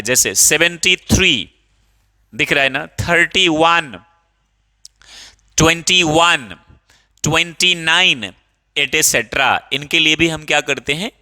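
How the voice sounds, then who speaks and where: A young male English teacher with a slightly high, very bright and sharp voice runs a grammar lesson. He draws out each example sentence slowly and keeps checking that his students are following along. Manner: explains slowly, reads example sentences aloud in drawn-out English; checks understanding often, calls students 'babu'.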